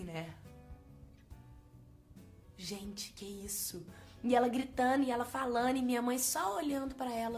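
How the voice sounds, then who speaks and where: A woman telling a family story casually, in an animated, gossipy way. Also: fairly high pitch. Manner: animated, gossipy, fast-talking.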